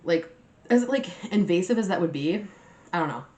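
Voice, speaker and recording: A woman's voice: on the low side, lively intonation, moderate pace, darkish tone, slight background noise. A woman hosting a mukbang, chatting casually and slangily to viewers as she eats. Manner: eating messily while talking, mukbang style; sweary, slangy storytelling with acted-out quotes. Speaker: mukbang video host. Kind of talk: casual chat to viewers while eating.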